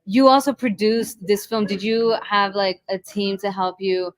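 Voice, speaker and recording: Woman podcast host, eager interviewer, mid-pitch voice. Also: no echo. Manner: enthusiastic, quick follow-up questions. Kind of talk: casual interview.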